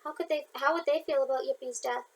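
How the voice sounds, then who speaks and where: A woman's voice: sits high, fairly even intonation, fast, poor audio. A young woman reading her own audiobook aloud in an informal way, with slips and chatty asides to listeners. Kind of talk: audiobook narration.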